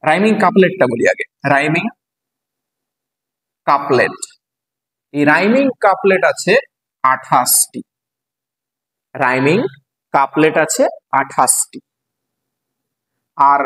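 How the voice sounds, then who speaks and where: Male teacher, Bengali accent, husky and slightly high voice, patient classroom explainer who spells terms out. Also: a bit bright, poor audio. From West Bengal. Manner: spells words letter by letter, asks students questions. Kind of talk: explaining a poem to students.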